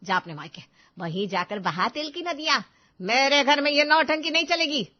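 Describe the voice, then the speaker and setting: A woman playing a sharp-tongued, bossy middle-aged mother-in-law in an audio drama, scolding one moment and sugary the next. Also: fairly high pitch, expressive, moderate pace. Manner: scolding, then sugary sweet. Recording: slightly dull lo-fi recording.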